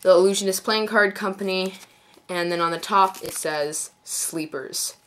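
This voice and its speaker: There's noise in the background as a young adult with a cold-clogged, stuffy voice gives a casual, unscripted card deck review indoors at a card table. The medium-pitched delivery is measured, though the talk rambles and doubles back on itself; the cold is a mild one.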